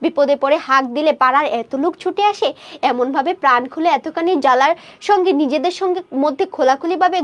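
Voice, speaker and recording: A woman teacher explaining a short story to students in a conversational lecture, asking questions and answering them herself. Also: high voice.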